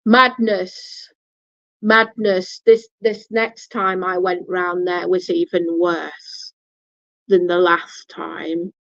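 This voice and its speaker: A woman's voice: lowish voice, level tone, slow pace, gravelly, no echo. A woman casually telling a personal story in a blunt way and swearing freely. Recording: dull lo-fi recording.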